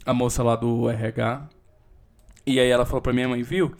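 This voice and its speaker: A young man with a Brazilian Portuguese accent hosts a casual solo podcast from home, speaking at a moderate pace in a mid-range, creaky voice with flat delivery. He tells a story with lots of swearing and sudden loud outbursts.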